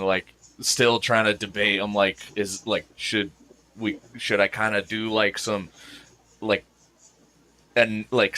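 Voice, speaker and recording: A man with a somewhat low voice and a bright, forceful tone. He talks in a casual podcast chat, hesitant and full of fillers and restarts. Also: clean tone. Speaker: podcast host and event videographer.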